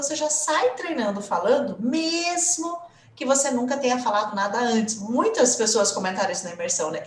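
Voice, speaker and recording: A woman's voice: fairly high pitch, slight background noise. Enthusiastic woman teacher, echoey distant sound. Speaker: English teacher hosting a live stream. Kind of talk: live stream chat. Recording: echoey room, voice a bit far from the mic.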